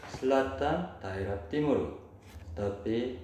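A middle-aged Korean man with a Korean accent, a foreigner speaking halting, simple Indonesian as he answers casual interview questions. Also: mid-range voice, darkish tone. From South Korea, village near Gwangju. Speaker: Korean language teacher, interview guest. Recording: very echoey room, faint noise.

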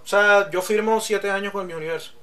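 A Venezuelan man with a high voice leads the chat with quick trivia, co-hosting a relaxed podcast. His delivery is chatty and animated in tone. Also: a crowd in the background. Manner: chatty, reeling off trivia facts. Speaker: podcast co-host. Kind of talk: casual banter.

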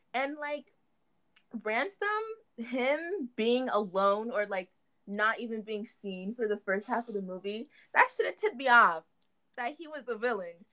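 A woman's voice: on the high side, bright, forceful tone. A young adult woman in a casual, playful chat about a movie. She laughs often.

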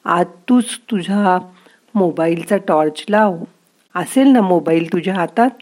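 A woman voicing the narrator's own mind as a gentle, wise inner voice that coaxes and softly scolds. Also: lowish voice, unhurried. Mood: gently coaxing.

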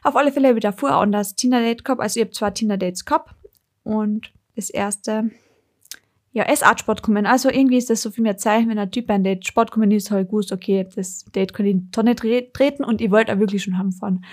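Chatty Austrian woman podcaster. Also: a little high. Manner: chatty storyteller who acts out her own quoted thoughts. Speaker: podcast host. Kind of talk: casual solo podcast chat.

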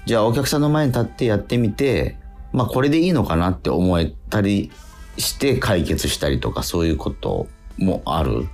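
Over soft background music, a radio show host who is also a stage actor talks about acting in casual conversation with other actors. His voice is on the low side and a little mellow, animated at a moderate pace, and he sounds earnest and self-questioning, often adding affirming interjections.

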